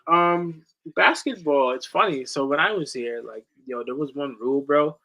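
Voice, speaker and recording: This late-twenties watch-along streamer, Dutch-born and raised in the US from age ten, talks sports loosely with heavy slang, cursing, and frequent "bro." The lo-fi recording carries his somewhat high, creaky, bright, forceful voice at a moderate pace.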